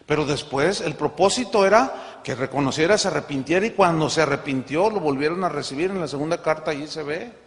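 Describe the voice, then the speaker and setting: Male pastor, high voice, emphatic sermon delivery with loud-soft swings, hall reverb. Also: fairly quick, hardly any pauses. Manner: emphatic, swings between loud scripture reading and soft asides.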